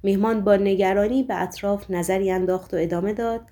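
A woman narrating an audiobook in a steady, even reading voice. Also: medium pitch.

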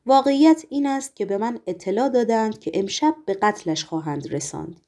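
A woman voicing a stern, probing male Roman governor who asks measured, formal questions. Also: mid-range voice, lively intonation, mellow, lightly acted.

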